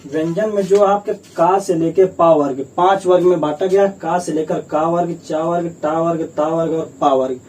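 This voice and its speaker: A man teaching a grammar lesson with patient, repetitive explanations, slowly sounding out each letter. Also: a little high, a little mellow. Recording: distant mic with faint room noise.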